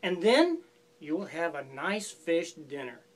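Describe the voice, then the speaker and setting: A woman's voice: sits low, very animated, a little slow, pitched below the performer's own voice, exaggerated voice. A woman voicing a sly male fox who gives falsely friendly, coaxing instructions in a folk tale. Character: sly scheming male fox, smooth talker.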